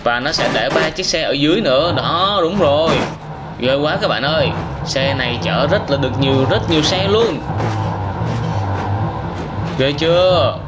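A man in his thirties who hosts gaming reaction videos for children narrates game footage with simple, exclamatory storytelling. His slightly high voice is animated and normal in pace, over loud music and noisy car engine sounds.

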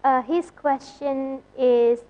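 A woman's voice: sits high, slow pace, dull audio. A woman moderating a conference session, polite and using frequent uh fillers as she introduces questions.

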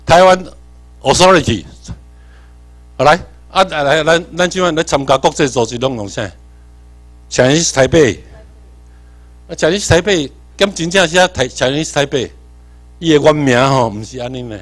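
A man from Tainan with a Taiwanese accent, giving an animated workshop lecture, quizzing the audience and swinging between emphatic and muttered asides. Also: a little high, normal speed, long pauses, faint music behind. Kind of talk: seminar lecture mixing Hokkien and English terms.

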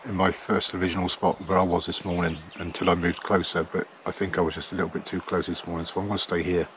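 Middle-aged English man, low and level delivery, casual outdoor vlog, arm's-length camera. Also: flat delivery, fast talker, a bit bright, slight background noise. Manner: plain, chatty, matter-of-fact. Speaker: wildlife photographer. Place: outdoors in a field by trees.

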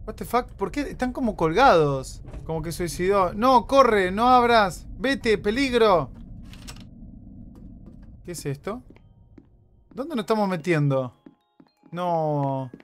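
A man's voice: high-pitched, animated, slow, pauses often, a bit bright, slight background noise. A man with an Argentine accent giving jokey let's play commentary, yelping and screaming in panic as he plays. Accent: Argentine Spanish. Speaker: gaming YouTuber. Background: background music.

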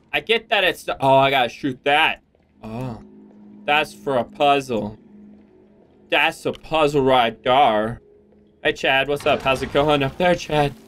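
A man's voice: medium pitch, fairly bright tone. A young man hosting a let's play, rambling goofily through gameplay commentary with jokes and sudden exclamations. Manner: goofy, rambling, jokey self-talk with sudden exclamations.

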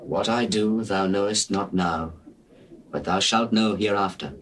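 A man playing Jesus as a solemn, authoritative teacher, speaking in measured, declamatory phrases in a dramatized King James Bible reading. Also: lowish voice, a bit bright. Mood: gentle, instructing. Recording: noisy old cassette recording.

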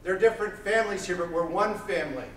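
A man in his thirties preaching a sermon, pacing the stage of a small church with intense, loud delivery. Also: high-pitched, fast talker, slight background noise. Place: small church hall, indoors. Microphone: far camera, room mic. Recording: echoey church hall from far off.

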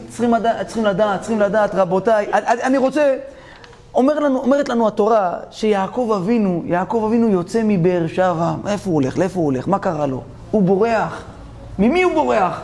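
A man's voice: high-pitched, darkish tone, slight background noise. A man preaching a sermon as a rabbi, telling a story, acting out its characters and questioning his audience directly.

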